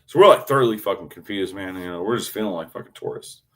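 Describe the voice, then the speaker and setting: A man's voice: deep voice, quick pace. Profane, rowdy male streamer. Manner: loud, animated quoted outbursts. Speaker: live streamer. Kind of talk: casual rambling livestream chat.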